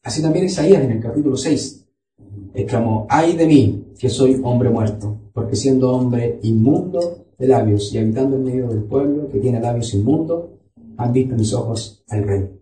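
A man's voice: medium pitch, lively intonation, normal speed, dark tone. A man preaching a sermon as a pastor, teaching a Bible study and reading scripture aloud. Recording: echoey room, voice from far off.

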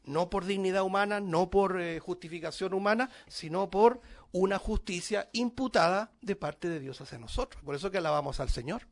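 A man preaching a sermon to his congregation, lifting his voice on key words and dropping to a hush at the ends of phrases. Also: high-pitched, normal speed. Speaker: pastor.

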